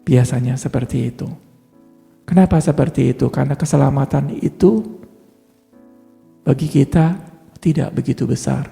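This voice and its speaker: Man, Indonesian accent, sermon, rhetorical questions, gravelly voice, reverberant hall, faint background music. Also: medium pitch, moderate pace, pauses often, mellow. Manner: rhetorical questions, conversational and teasing. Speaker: preacher.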